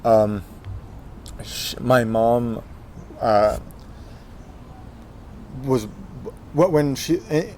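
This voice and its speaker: Very slow with long pauses, yet animated, a man in his twenties from Texas talks through his life story in a casual interview, full of fillers and restarts. His voice is mid-range and darkish, with a little hiss or hum on the recording.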